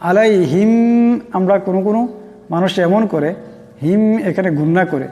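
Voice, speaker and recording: A high-voiced man teaching Quran pronunciation, moving between quick explanations and slow, melodic chanting of the verses. His voice has a mellow, relaxed tone. It rings with a long reverb, and faint music plays underneath.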